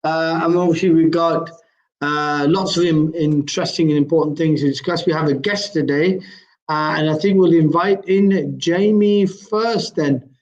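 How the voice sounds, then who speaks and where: A man hosting a casual online interview, halting and often repeating his phrases. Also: on the high side, steady tone, a little mellow. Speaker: host. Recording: dull lo-fi online call.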